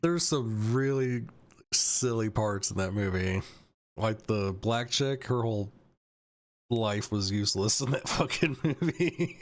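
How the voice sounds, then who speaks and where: A man's voice: on the low side, a little slow. A young man hosting a live stream, casually ranting about a film with lots of swearing, laughter and mocking asides. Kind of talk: casual chat.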